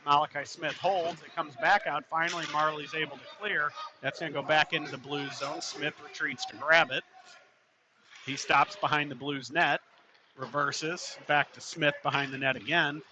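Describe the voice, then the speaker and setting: Male hockey play-by-play caller, slightly high pitch, noisy rink ambience. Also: moderate pace. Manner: steady running play-by-play, rises on shots. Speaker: play-by-play commentator. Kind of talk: amateur youth hockey play-by-play.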